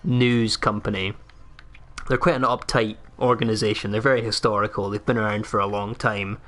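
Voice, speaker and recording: A man's voice: fairly low pitch, little pitch movement, moderate pace, a bit bright. A young man with a Scottish accent, chatting casually on a game stream, swearing often and laughing easily. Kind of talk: casual chat while gaming.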